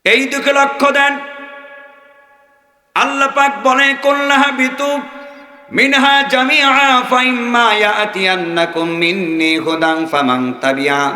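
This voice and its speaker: A man preaching a sermon to a crowd, swinging between shouted lines and a low chanting singsong. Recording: echoey hall from far off.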